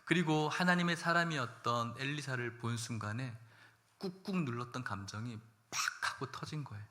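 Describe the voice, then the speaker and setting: A man's voice: medium pitch, expressive, moderate pace, bright, forceful tone. A man preaching a church sermon, reading scripture and then speaking with rising emotion. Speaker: pastor.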